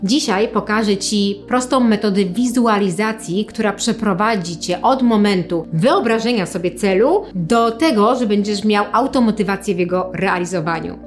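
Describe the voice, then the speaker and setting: A woman coach, speaking directly to the listener in an instructive motivational talk. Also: medium pitch. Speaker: coach, podcast host. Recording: music bed behind the voice. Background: clear background music.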